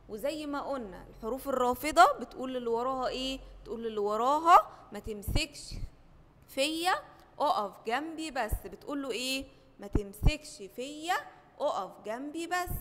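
Egyptian woman as primary teacher, high bright voice, quizzes her class call-and-response, recorded in a reverberant room. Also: slight background noise. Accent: Egyptian Arabic. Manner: asks questions and answers them herself, call-and-response. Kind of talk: children's classroom lesson.

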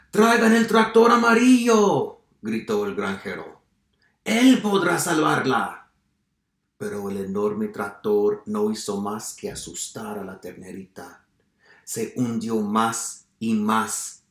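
A man teaching by reading a picture book aloud to children, telling it expressively, dropping to whispers and asking the listeners questions. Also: fairly low pitch. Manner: expressive storytelling, drops to whispers and asks questions. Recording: roomy echo.

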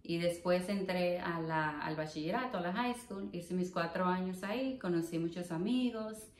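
A young Dominican woman from the Dominican Republic, a guest sharing her story in a casual interview, soft-spoken and hesitant. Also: on the low side, moderate pace, reverberant, slight background noise. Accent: Dominican Spanish. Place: living room on a sofa, indoors.

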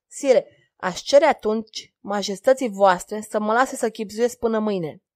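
A woman reading a grave, steady young knight. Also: mid-range voice, lightly acted. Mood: measured. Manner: grave, measured tone. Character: young male knight, calm, grave and loyal.

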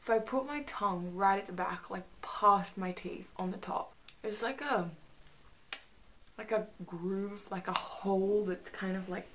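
A woman's voice: medium pitch, a little slow, fairly bright tone, slight background noise, rough recording. A young woman chatting casually to camera in a rambling, hesitant way, her articulation a little restricted by a stiff jaw after surgery. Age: young adult. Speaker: vlogger. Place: small bedroom, indoors.

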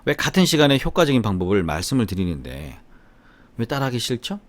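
Brief: middle-aged male English tutor, slight Gyeongsang accent, animated sing-song delivery, dry close sound. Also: medium pitch, fast, no echo. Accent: slight Gyeongsang Korean, mostly Seoul-like. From Gyeongsang, South Korea. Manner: lively, chatty, often asks "right?". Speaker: English grammar teacher. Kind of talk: grammar lesson with repeat-after-me drills.

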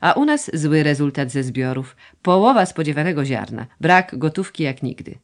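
A woman reading the lines of a fussy noble mother who gushes, complains and coaxes her son for money, with a lively, sing-song delivery. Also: sits low, normal speed. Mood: plaintive. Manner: gushing, complaining, coaxing. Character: fussy aristocratic mother, middle-aged woman, plaintive. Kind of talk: audiobook dialogue reading.

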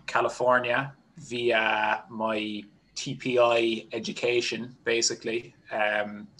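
A man with an Irish accent talks through his coaching work in a steady, explaining way, leaning on "kind of" as he goes. His voice sits a little low. He is heard through a headset on a video call from a small room at home. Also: poor audio. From Ireland. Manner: steady explanatory talk with many "kind of" fillers. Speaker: golf strength and conditioning coach.

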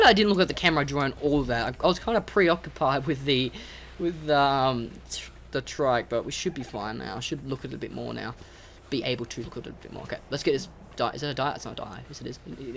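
An excitable gamer narrating a let's-play, coaxing and scolding the creatures in the game. The pitch swoops up and down constantly. Game music plays loudly behind the desk-mic voice. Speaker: gaming channel host.

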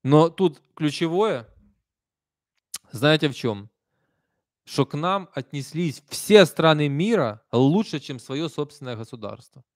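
Reading viewer comments aloud during a live stream, this thirtysomething man from Ukraine speaks with a Kyiv Russian accent, emphatic and chatty, slipping into quiet asides. His voice is a little high with lively intonation and a slow pace. A close desk stand mic in a small indoor room captures clean, studio-like sound with no echo.

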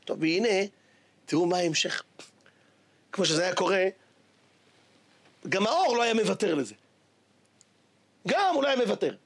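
Brief: male rabbi preacher, dramatic exclamatory sermon, high lively husky voice. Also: long pauses. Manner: dramatic, exclamatory, shouts for emphasis. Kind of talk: sermon storytelling.

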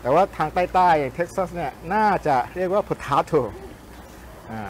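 A man's voice: a little high, lively intonation, fast talker, a little hiss or hum. A man co-hosting a cooking show, chatting casually and explaining food history and little English tidbits with playful asides. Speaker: co-host sharing food history and trivia.

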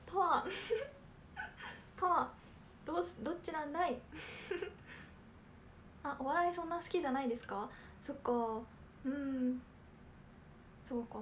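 A young woman from Kanagawa hosting a casual livestream, reading viewer comments aloud and answering politely with lots of soft fillers. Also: high-pitched, slight background noise. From Kanagawa, Japan. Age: young adult. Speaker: idol trainee hosting a livestream.

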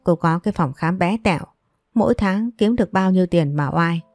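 A woman's voice: lowish voice, brisk, dry recording, faint music behind, natural voice. A woman voicing a scornful, nagging older mother-in-law who complains theatrically. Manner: sharp and wailing, theatrical complaints.

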